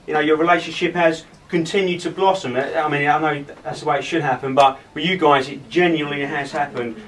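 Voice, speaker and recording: A man's voice: fairly high pitch, fairly even intonation, a bit bright. Man giving a rambling wedding toast, distant mic. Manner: rambling, halting, repeats phrases. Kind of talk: informal wedding toast speech. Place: wedding reception, speaking to gathered guests. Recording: distant mic in a noisy room.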